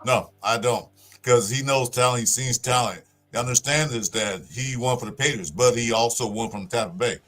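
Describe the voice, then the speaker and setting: A man's voice: medium pitch, moderate pace, a bit bright, soft background music. A man in his sixties on a casual podcast panel, speaking bluntly in short punchy sentences. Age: 60s.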